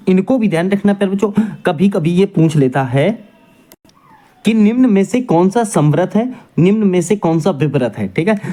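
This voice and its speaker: A man teaching an exam coaching lesson, his voice rising and falling in a wide, animated sweep. He puts questions to the class and answers them himself. He keeps checking in with his students as he goes. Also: high-pitched.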